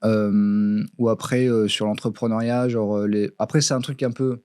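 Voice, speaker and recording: A man's voice: fairly low pitch, fairly even intonation, moderate pace, darkish tone, smooth, no room sound. Hesitant man, dry studio sound. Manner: hesitant, many fillers and restarts. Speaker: podcast co-host. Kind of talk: casual chat. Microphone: studio podcast mic.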